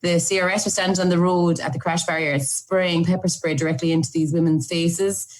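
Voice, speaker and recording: Low-voiced Irish woman telling her story. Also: steady tone, a little fast. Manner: chatty, run-on storytelling with fillers. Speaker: aid volunteer. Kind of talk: documentary interview recollection.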